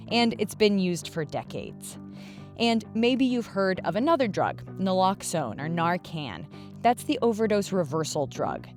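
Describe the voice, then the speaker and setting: Woman narrating a podcast with a lively pitch. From Pacific Northwest, US. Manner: conversational, explanatory. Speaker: podcast host.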